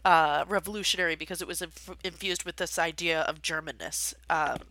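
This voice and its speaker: A woman's voice: low voice, steady tone, fairly quick, sharp tone. A woman hosting a podcast, an amateur pianist talking casually about her practice and a composer's life, with many fillers and rambling asides. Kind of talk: casual solo chat.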